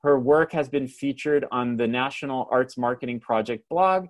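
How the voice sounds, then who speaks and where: Male moderator, mid-pitched, steady and formal, video-call sound. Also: normal speed. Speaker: host and moderator. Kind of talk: scripted introductions and interview questions.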